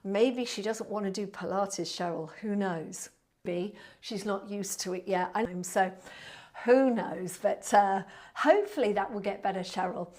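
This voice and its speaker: A woman with a southern English accent chatting casually to viewers as a Pilates instructor, in a warm, friendly, chatty manner. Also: mid-range voice, measured pace. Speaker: Pilates instructor and online class host. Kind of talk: casual livestream chat to viewers. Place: indoor studio.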